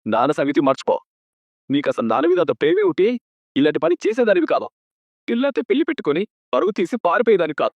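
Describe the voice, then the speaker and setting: A man's voice: high-pitched, wildly swooping pitch, fast talker, no echo. An actor playing a hot-tempered, domineering elder brother who scolds and threatens his sister in a TV serial. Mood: furious. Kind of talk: TV serial acting. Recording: dull lo-fi dry sound.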